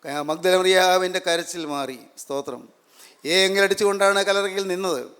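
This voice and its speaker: A man preaching a sermon, fervent and repetitive, drawing out slow emphatic phrases. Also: high-pitched, a bit bright, clean tone. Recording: long hall reverb.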